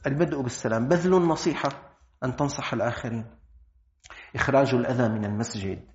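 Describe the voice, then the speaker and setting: Brief: Syrian man teaching a religious lesson, quick-paced and lively, dull lo-fi sound. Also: medium pitch. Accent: Syrian Arabic. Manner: lively, acts out everyday dialogues.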